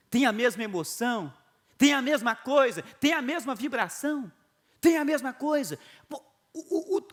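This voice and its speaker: A middle-aged Brazilian man with a Brazilian Portuguese accent, a pastor giving a video sermon and telling stories in an animated way with chuckles. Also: a little high.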